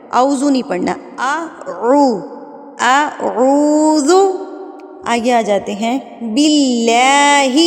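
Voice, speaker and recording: A woman teaching a tajweed lesson online, patiently repeating each sound slowly and drawing it out for learners to copy. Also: on the high side, in a large hall. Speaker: Quran recitation teacher.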